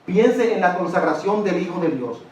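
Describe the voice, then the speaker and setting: A man's voice: high-pitched, animated, moderate pace. A male pastor preaching a sermon, putting rhetorical questions to his congregation. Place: church. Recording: echoey church hall from far off.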